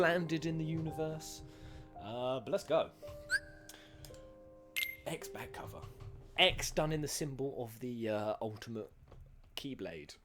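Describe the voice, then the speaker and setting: A gaming YouTuber gives casual, playful, animated reaction commentary with some crude humour, his voice a little high.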